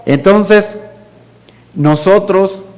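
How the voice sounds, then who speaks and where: A middle-aged man with a Mexican Spanish accent, preaching a sermon as pastor in a conversational way, dropping to a hushed voice for quoted lines. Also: sits high, extremely slow.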